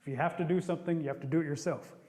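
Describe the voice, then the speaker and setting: A man's voice: on the high side, steady tone, rapid-fire, darkish tone, big-room sound, natural voice. A man voicing a stern male eagle who leads the animals' meeting in a told story. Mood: commanding. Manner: stern, commanding.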